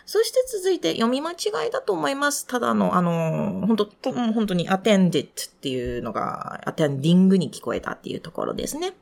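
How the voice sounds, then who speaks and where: A woman's voice: fairly quick, vocal fry, few pauses. A young adult woman giving polite, patient pronunciation feedback to a student, explaining sounds step by step. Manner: polite, patient, explanatory, lively rises in pitch. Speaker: English pronunciation tutor. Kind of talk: recorded feedback on a student's reading.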